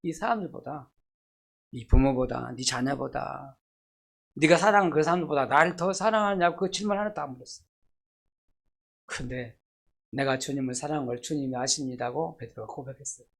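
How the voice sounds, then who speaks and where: A pastor preaching a sermon, asking the congregation rhetorical questions, reading scripture slowly and swinging between loud emphasis and soft, low asides. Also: creaky. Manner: reads scripture quotations slowly.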